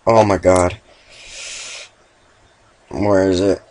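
A young man with the hiccups giving casual gameplay commentary, mumbling asides and then yelling and swearing when things go wrong. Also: low voice, level tone, extremely slow, poor audio. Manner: swings from mumbled asides to sudden swearing shouts. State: has the hiccups.

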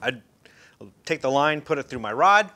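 A middle-aged fishing instructor sits in a chair indoors giving a casual, folksy how-to demonstration, speaking loosely with fillers and restarts. His mid-range voice is animated and sharp at a normal speed.

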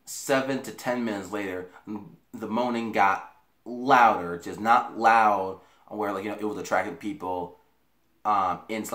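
His voice is lowish and a touch bright: a young adult American telling a casual, meandering story to camera, swearing and saying things more than once. He's in a small bedroom indoors, captured by a camera mic a few feet away, and the room echoes.

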